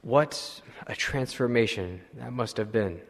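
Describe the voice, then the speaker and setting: Slow priest preaching in a reverberant hall. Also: male voice, medium pitch. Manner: slow, measured retelling with clearing of throat. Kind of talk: sermon storytelling.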